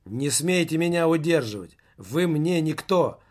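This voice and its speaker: A man's voice: on the high side, animated, measured pace, darkish tone, voice pushed up. A man reading an audiobook, voicing a tired, despairing teenage boy who calls himself a failure. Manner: tired, self-pitying.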